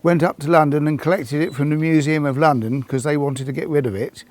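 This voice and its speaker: High-pitched man explaining plainly. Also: fairly even intonation, fairly quick, darkish tone, dry recording. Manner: plain, matter-of-fact explaining. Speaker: demonstrator at a heritage centre. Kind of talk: explaining to a presenter. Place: outdoors at a heritage site.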